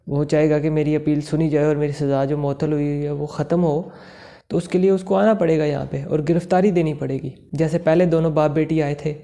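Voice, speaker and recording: A man hosting his own channel, giving political commentary in a measured, steady delivery. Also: fairly high pitch. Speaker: YouTube channel host.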